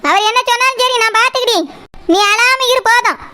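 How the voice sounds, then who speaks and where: A woman's voice: very high voice, fast talker. A woman doing a bossy cartoon sister-in-law. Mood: reassuring. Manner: scolding, lecturing.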